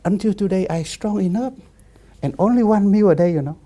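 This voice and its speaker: Monk in his fifties with a very dark voice. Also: sits high. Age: 50s. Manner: halting, repetitive non-native English with many restarts. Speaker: Buddhist monk. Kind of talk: relaxed spiritual discussion.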